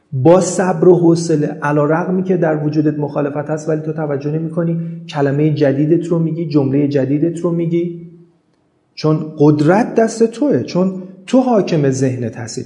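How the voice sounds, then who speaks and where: A man's voice: fairly high pitch, warm tone. Male motivational speaker, earnest, list-driven delivery, echoey room sound. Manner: earnest, repeats affirmations in rhythmic lists. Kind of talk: self-help monologue.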